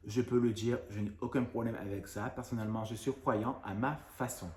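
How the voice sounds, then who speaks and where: Brief: French male YouTuber in his thirties, lowish voice, rapid rambling delivery, roomy phone recording. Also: steady tone. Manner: fast-talking, rambling with many fillers. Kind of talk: casual vlog rant.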